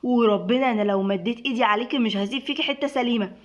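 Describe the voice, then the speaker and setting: A woman voicing a jealous, hot-tempered young man who scolds loudly, with an Egyptian accent. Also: on the high side, racing, close to an everyday voice. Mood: angry.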